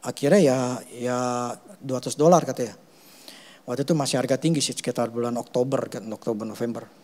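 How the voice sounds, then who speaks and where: A middle-aged man with an Indonesian accent, a pastor preaching a sermon, telling stories with loud and hushed stretches. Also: mid-range voice, a little fast. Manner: animated storytelling, swings from loud to hushed.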